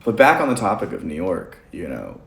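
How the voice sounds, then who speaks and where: Young guy hosting a podcast, low voice, roomy echo, rambling on. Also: wildly swooping pitch, brisk, vocal fry. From United States. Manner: chatty, rambling opinions. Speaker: podcast host. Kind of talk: casual conversation. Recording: echoey room, faint noise.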